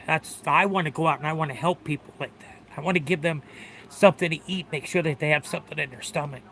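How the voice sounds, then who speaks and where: Bright-voiced man pleading on a livestream. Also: fairly high pitch, fast, vocal fry, a little hiss or hum. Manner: earnest, repetitive, swears often. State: tearful. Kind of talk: emotional livestream talk.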